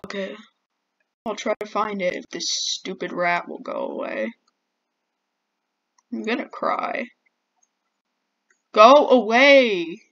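A woman's voice: mid-range voice, unhurried, gravelly, pauses often, fairly bright tone. A woman commenting while she plays a game, jumpy and easily flustered, often exclaiming. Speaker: gamer. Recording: dull lo-fi mic.

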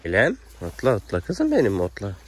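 Animated man coaxing his horses outdoors. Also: lowish voice, brisk, slight background noise. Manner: coaxing, affectionate, calling out and repeating words to animals. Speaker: rural vlogger caring for his horses. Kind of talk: casual vlog talk to animals and viewers. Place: outdoors in the countryside near animals.

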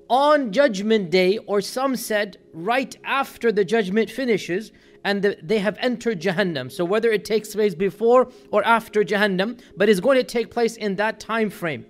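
A man with a notably high-pitched voice delivers a religious lecture in an earnest, emphatic way. He builds intensity as he makes his points. Soft music plays faintly beneath him. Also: a little slow. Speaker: Islamic lecturer.

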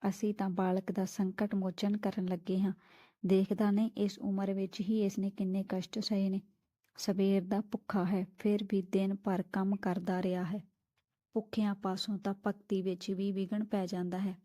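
A woman reading as a gentle old ascetic guru. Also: medium pitch, flat delivery, normal speed, no echo, studio quality, lightly acted. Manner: gentle, coaxing. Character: gentle older male wandering ascetic, kindly guru.

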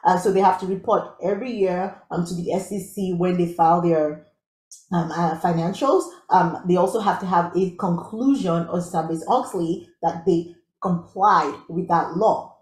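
Upbeat fast-talking woman teaching, echoey room. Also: fairly low pitch, fairly even intonation, a little mellow. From Nigeria. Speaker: IT audit instructor. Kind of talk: live online workshop teaching.

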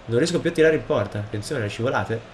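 A young man with a cold and sore throat, casually commenting on his own football video game match and bursting into shouts at goals. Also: medium pitch, lively intonation, rapid-fire, slight background noise. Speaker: gaming video host.

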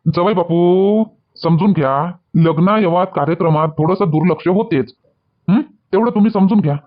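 A man's voice: sits high, moderate pace, natural voice. A man with a Varhadi Marathi accent playing a middle-aged father-in-law who soothes and coaxes. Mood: placating. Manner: soothing, coaxing. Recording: dull lo-fi sound.

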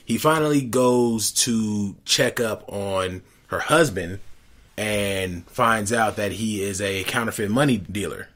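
A man co-hosting a casual movie recap chat, joking and breaking into fast, excited rants. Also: lowish voice. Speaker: co-host of a movie recap show.

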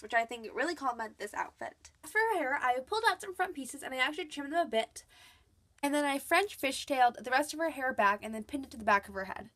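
Sharp in tone and sitting high, this young woman's voice carries a cold as she gives a chatty, upbeat scripted voice-over. She's a doll collector vlogger showing off her dolls' outfits.

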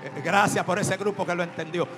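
A male pastor preaching a sermon with impassioned shouting and storytelling. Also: high voice, steady tone, brisk. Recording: reverberant hall with music behind.

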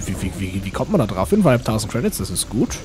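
A man's voice: on the low side, big pitch swings, fast talker. A man giving casual game commentary, rambling to himself and to the game's characters. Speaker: let's play host. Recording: game music behind the voice.

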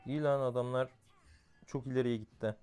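A young man giving casual commentary over his own mobile gameplay, excitable, going from muttered grumbling to shouted outbursts. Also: medium pitch, brisk, clean tone, faint music behind. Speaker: gamer playing a mobile game.

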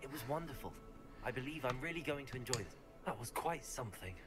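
A man voicing a polite young wizard student in game voice previews, pitch-shifted so it sounds robotic. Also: lively intonation, quick pace, loud music behind the voice. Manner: polite, formal. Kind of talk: video game character voice preview.

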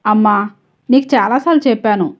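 A woman's voice: mid-range voice, fairly quick, lightly acted. A woman voicing an impatient, sarcastic young woman in a narrated story.

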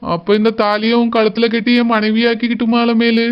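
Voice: medium pitch, monotone, brisk, close to an everyday voice. An earnest young village man with a Kanyakumari Tamil accent, speaking plainly. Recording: dull lo-fi sound with faint noise.

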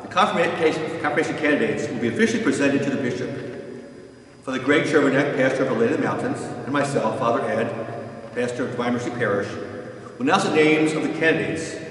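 A man's voice: medium pitch, recorded from a distance. Older man explaining in an echoey church. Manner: calm, plain explaining with frequent restarts. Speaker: parish pastor. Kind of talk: instructional walkthrough. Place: large empty church. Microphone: far camera.

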